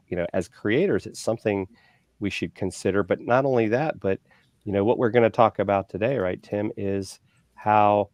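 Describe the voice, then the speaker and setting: Male co-host in his forties, lowish voice, chatty and upbeat, dry close sound. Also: no echo. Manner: chatty, upbeat, with many fillers and shout-outs. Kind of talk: casual talk show hosting.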